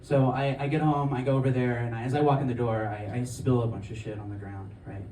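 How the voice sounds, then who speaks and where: A man's voice: mid-range voice, steady tone, fast talker, mellow, a little hiss or hum. A man performing a stand-up comedy set on stage, telling stories in a rambling, conversational way with lots of filler words. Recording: echoey room, mic at a distance.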